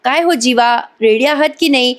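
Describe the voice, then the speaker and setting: Woman voicing a shy young wife, gentle, hesitant, serial recap. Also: a little high, normal speed, natural voice. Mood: shy, warm.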